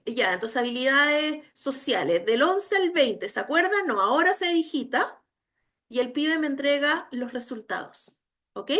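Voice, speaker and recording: A woman with a high, slightly bright voice delivers an online training lecture on educational assessment. She speaks emphatically and keeps checking understanding with frequent tag questions.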